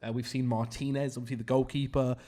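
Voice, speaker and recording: A man hosting a football debate chat, moving the talk along with steady, hesitant phrasing. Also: mid-range voice, fast talker. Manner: steady, moderating, hesitant fillers. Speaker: podcast host.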